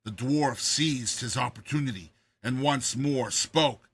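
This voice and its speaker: A man gives a dramatized reading of a classic short story, phrasing it in a deliberate, theatrical way. His voice is medium-pitched, a bit bright, and husky.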